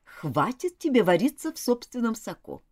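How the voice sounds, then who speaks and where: A woman voicing a stern but loving mother who scolds her daughter in a firm, lively voice. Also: fairly high pitch, moderate pace, voice pushed up.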